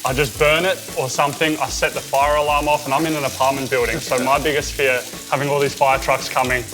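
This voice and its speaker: A man's voice: medium pitch, little pitch movement, quick pace, poor audio. Laid-back young Australian man chatting. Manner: laid-back, easygoing, joking. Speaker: guest. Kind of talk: casual chat. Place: studio kitchen. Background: background music, sizzling pan.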